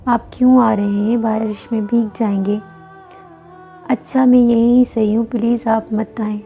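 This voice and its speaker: A woman's voice: on the high side, little pitch movement, mellow, faint music behind, close to an everyday voice. A woman voicing a frightened young wife who pleads timidly and tearfully. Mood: pleading.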